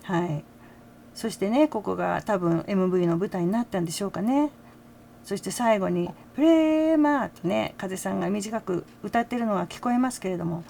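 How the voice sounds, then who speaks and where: Chatty older woman, gravelly voice. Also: mid-range voice, darkish tone, slight background noise. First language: Japanese. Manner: chatty, frequent "ne" tags and small laughs. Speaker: fan channel host. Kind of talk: casual commentary to camera.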